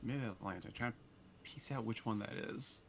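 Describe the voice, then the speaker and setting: A man's voice: on the low side, normal speed, creaky, noisy background. An American man guesting on a stream, chatting casually with laid-back dry humor. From United States. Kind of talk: casual chat.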